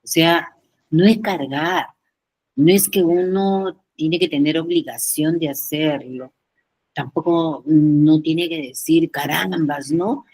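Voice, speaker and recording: Husky voice, group leader, earnest teaching, rhetorical questions. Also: medium pitch, slow pace, darkish tone, poor audio. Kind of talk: guiding talk in a spiritual group.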